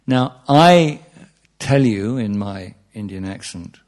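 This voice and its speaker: Here a meditation teacher gives an informal spiritual talk to a group, joking conversationally and checking in with "yeah?" and "you know." His lowish voice is expressive, slow and a little mellow.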